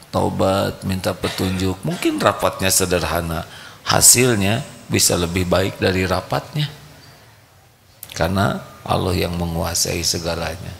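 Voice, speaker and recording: A man's voice: low-pitched, vocal fry, fairly bright tone, slight background noise. A man preaching a sermon in a mosque, questioning the audience and acting out little dialogues.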